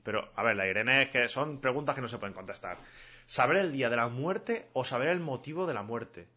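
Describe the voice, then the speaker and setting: A man's voice: mid-range voice, lively intonation, fairly quick, sharp tone, slightly rough. A man from Mallorca hosting a live stream, chatting casually with slang and answering viewers' questions. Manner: casual, slangy, laughs a lot. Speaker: streamer host. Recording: dull lo-fi stream audio.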